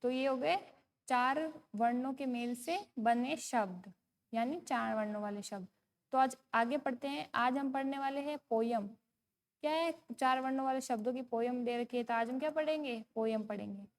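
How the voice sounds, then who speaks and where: A woman teacher from India with a Rajasthani Hindi accent, explaining a lesson to young children. She chants poem lines slowly and asks questions that she then answers herself. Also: fairly high pitch. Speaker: primary school teacher.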